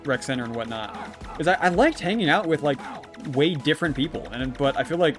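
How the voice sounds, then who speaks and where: Guy streaming a game, kinda high voice, rambles and laughs a lot, faint music behind. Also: expressive, brisk. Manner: rambling, chuckles often, many fillers and restarts. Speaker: livestreamer. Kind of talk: casual livestream chat while gaming.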